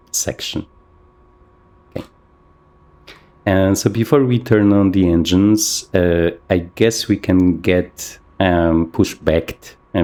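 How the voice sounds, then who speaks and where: Man, dark mellow voice, casual gameplay commentary, lots of ums, slightly rough morning voice. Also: deep voice. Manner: relaxed, thinking aloud with many fillers. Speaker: flight sim video host.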